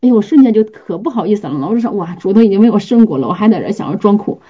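A woman's voice: mid-range voice, lively intonation, racing, slightly rough. A woman preaching in a casual, conversational way, acting out little scenes and prayers as she teaches. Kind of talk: informal sermon. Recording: dull lo-fi recording.

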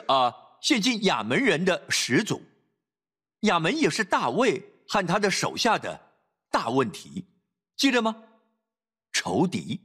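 A male pastor preaches a sermon, reading scripture and urging parents, moving between loud exhortation and quiet, low asides. His voice has a breathy edge.

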